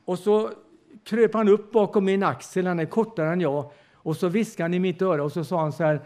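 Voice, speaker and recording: A man's voice: sits high, fairly even intonation, darkish tone. An older man preaching a storytelling sermon, retelling conversations and often turning to the audience.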